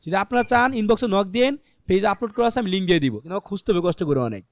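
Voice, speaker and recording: A man's voice: sits high, big pitch swings, rapid-fire, no echo, clean studio sound. A man with a Bangladeshi Bengali accent teaching English pronunciation in a live online class, quizzing students and sounding words out letter by letter.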